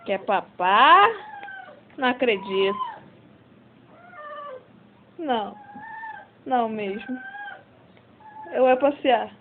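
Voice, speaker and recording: A young woman with a high voice talks slowly in a casual home video, cooing baby talk at her dog and cursing bluntly. The sound is thin and tinny, like a cheap phone mic. A faint hiss sits underneath. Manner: coaxing baby talk to a pet, mixed with blunt swearing. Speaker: dog owner filming at home.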